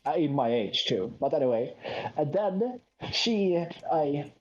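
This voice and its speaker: A man's voice: a little high, big pitch swings, unhurried, lo-fi sound. A man from Sweden, telling a long anecdote in a casual chat, with self-mocking asides and quoted voices.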